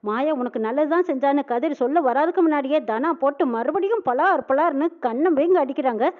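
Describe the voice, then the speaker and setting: A woman with a high voice rattles through a family drama, acting out each character's lines as she goes. Her voice comes through thin and tinny, like a phone line. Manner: retells a family drama in quick colloquial speech, voicing each character's lines. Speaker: storyteller. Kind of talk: dramatic story narration with acted dialogue.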